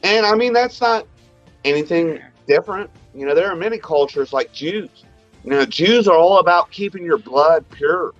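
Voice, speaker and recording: A man co-hosting a podcast who rambles through crude casual chat and keeps trailing off and restarting his sentences. His voice sits a little high. The sound is slightly dull and muffled, with faint music underneath. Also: lively intonation, normal speed, a bit bright, no room sound. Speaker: podcast co-host.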